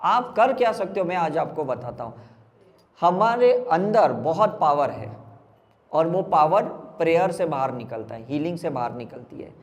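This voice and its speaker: A man's voice: fairly high pitch, very animated, moderate pace, big-room sound. Emphatic man quizzing his audience. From India. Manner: keeps asking the audience rhetorical questions, emphatic. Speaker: spiritual healer giving a talk. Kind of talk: motivational talk to a live audience.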